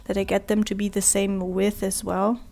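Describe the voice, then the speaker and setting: Hoarse, raspy woman with a cold, gravelly, chatting quietly over a drawing, faint music behind. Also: medium pitch, moderate pace. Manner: quiet, monotone, drifting into soft murmurs. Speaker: art vlogger. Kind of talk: casual talk while drawing.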